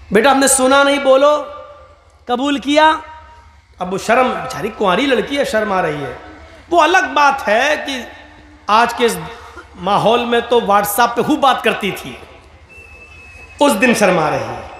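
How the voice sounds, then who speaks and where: A man preaching a sermon at a religious gathering, animated and swinging between loud emphasis and soft asides. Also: high-pitched. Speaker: Islamic preacher. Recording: echoey hall, faint noise.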